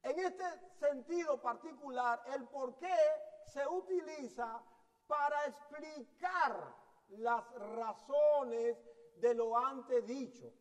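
A man's voice: very high voice, takes it slowly. A man preaching a sermon in a teaching manner, asking the congregation rhetorical questions and often restarting his sentences. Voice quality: hesitant restarts mid-sentence. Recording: long hall reverb.

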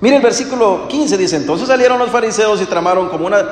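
A man preaching a sermon, asking the listeners rhetorical questions and swinging between loud and hushed. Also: sits high, animated, fast talker. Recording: echoey hall.

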